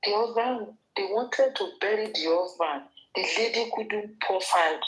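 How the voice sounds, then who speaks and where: A woman with a Nigerian accent hosts a gossip commentary vlog. She scolds her target head-on and talks straight at her. Her voice sits at an everyday middle pitch. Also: unhurried, low-quality recording.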